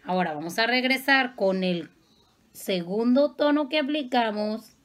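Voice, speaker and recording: A makeup artist woman guides viewers through her look one step at a time. She talks slowly and affectionately, in a slightly high voice, and keeps checking that they follow. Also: lively intonation, fairly bright tone. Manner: patient, affectionate teaching tone.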